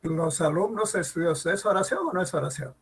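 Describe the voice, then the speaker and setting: A man teaching a grammar lesson in an online class, who keeps asking the students questions and repeats his examples slowly. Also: high-pitched, expressive, breathy edge, poor audio. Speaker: language teacher.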